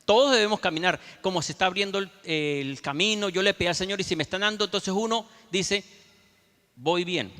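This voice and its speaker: A man's voice: sits high, fairly quick, sharp tone, big-room sound. A man preaching a sermon as a pastor, telling a personal story and speaking directly to the congregation. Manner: storytelling, addresses the congregation as brothers.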